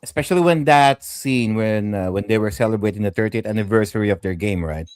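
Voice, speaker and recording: A man with a lowish voice talks through a movie scene by scene on a casual podcast panel. He gets animated, acting out the characters and dropping the odd swear word. The sound is dry and close, with no room around it. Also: fairly quick, dry recording. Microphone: video call mic.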